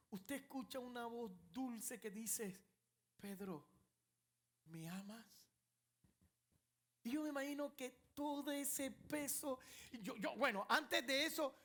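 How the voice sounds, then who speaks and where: A male pastor preaching an impassioned, dramatic sermon. He moves between loud passages and hushed ones. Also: very high-pitched.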